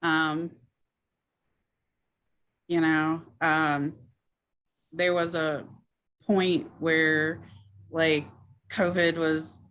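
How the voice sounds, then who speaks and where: A woman's voice: low voice, flat delivery, very slow, long pauses, fairly bright tone, smooth, low-quality recording. A woman chatting casually as an online video creator, modest and somewhat hesitant in how she talks. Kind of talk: casual chat.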